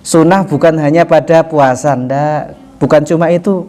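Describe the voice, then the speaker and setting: A man's voice: fairly high pitch, fairly even intonation, a little mellow. Chuckling man teaching a sermon. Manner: conversational, asks rhetorical questions, chuckles often; recites Arabic slowly, then explains. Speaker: Islamic teacher.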